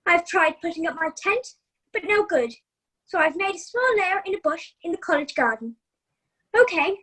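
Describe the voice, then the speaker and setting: A woman voicing a nervous, complaining young male wolf, reading a storybook letter home in a fretful, expressive way. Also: very high voice, low-quality recording.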